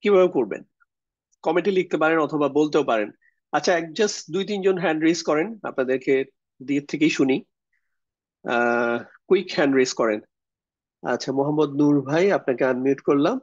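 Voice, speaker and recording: Man teaching grammar in a steady step-by-step way. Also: a little high, fairly quick, no room sound, lo-fi sound. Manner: explains step by step, checks understanding with questions. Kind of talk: online class lecture. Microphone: video call.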